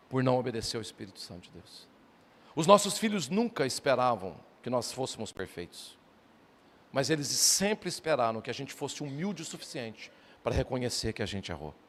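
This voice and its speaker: A man's voice: on the high side, a bit bright. A middle-aged male pastor preaching a sermon, emphatic and repeatedly calling out to his listeners as brothers. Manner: emphatic preaching, often addressing "irmãos". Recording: long reverb of a church hall.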